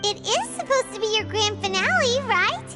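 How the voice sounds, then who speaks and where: A squeaky, tiny childlike companion. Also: female voice, sing-song, normal speed. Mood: curious. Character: tiny, childlike, curious high-voiced companion. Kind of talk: voice-acted game dialogue. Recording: loud jingly music behind.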